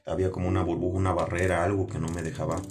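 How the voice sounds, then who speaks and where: A man gives a personal religious testimony over music. His voice is low and keeps a narrow, even pitch. He talks in a halting way, repeats himself and keeps checking in with the listener. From Mexico. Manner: halting and repetitive, often asking "¿ok?". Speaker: testimony speaker. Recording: music playing under the voice.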